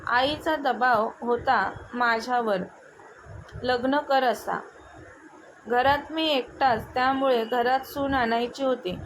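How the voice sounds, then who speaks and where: A woman's voice: fairly high pitch, steady tone, poor audio. A woman reading as a stern police officer husband. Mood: measured. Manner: firm, measured. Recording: noticeable background noise.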